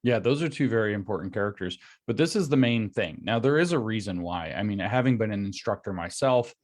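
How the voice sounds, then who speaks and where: A man with a low-pitched voice talks over a video call as a guest. He lectures in long, connected stretches, stringing points together with "and so" as he builds his case. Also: animated, brisk. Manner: long run-on explanations linked with "and so". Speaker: guest commentator. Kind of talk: explanatory lecture-style talk.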